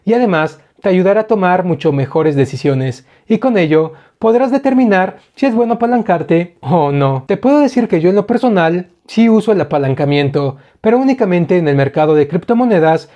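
Earnest young man with a bright pitch. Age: young adult. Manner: earnest, direct address to the viewer. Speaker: finance educator. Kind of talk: scripted explainer to camera. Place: small indoor studio with a screen backdrop. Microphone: lapel mic.

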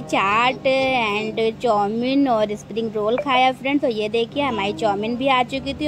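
A woman narrating a family vlog in a chatty way, often addressing viewers as friends. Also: on the high side. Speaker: vlogger. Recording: voice-over with clear background music.

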